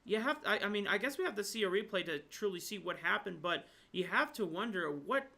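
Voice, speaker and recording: Male esports caster, higher-pitched and bright, headset mic, excitable reactions. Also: fairly quick, vocal fry. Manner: excitable, rises sharply in pitch at surprises. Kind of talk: live esports commentary. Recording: brief connection dropouts.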